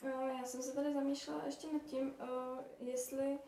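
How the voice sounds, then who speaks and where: Female host, even mellow voice, echoey distant recording. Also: high-pitched, slight background noise. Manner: thoughtful, hesitant questions. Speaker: host, interviewer. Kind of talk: casual interview talk. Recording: echoey room, distant mic.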